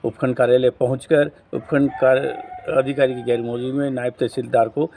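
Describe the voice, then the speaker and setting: A man's voice: medium pitch, little pitch movement, fairly quick, dark tone, slight background noise. A man, presenting a local news report as its host and reading out a memorandum in a formal tone.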